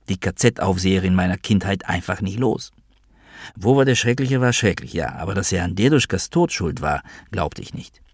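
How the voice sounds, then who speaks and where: A man's voice: sits low, no room sound, studio quality. A man narrating an audiobook in the first person, in a wry tone. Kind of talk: audiobook reading.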